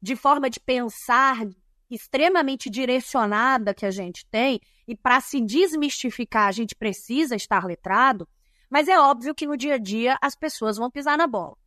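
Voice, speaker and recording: A woman with a Bahian Brazilian Portuguese accent, a guest on a podcast interview, explains diversity and compliance emphatically and didactically, listing points. Her voice is a little high and fairly bright, at a moderate pace, recorded at studio quality with no room sound.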